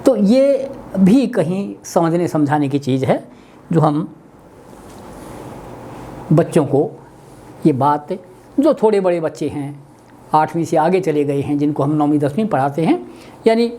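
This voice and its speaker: Slow, deliberate older man teaching. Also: a little high, expressive, dark tone, a little hiss or hum. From India. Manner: slow, deliberate, spells out words. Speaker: Hindi language teacher. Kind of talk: weekly webinar lecture. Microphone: webinar computer mic.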